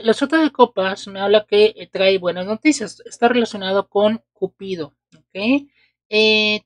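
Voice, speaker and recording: A woman giving a tarot reading at a table, talking slowly with many "eh" fillers and a checking "¿ok?". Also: mid-range voice, dry recording. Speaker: tarot reader. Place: indoors at a table.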